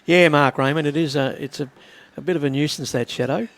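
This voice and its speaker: A man with a slightly high, gravelly voice calls a bowls match. He talks steadily, explaining shots and answering viewer questions. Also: fairly quick. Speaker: bowls commentator. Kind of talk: live sports commentary.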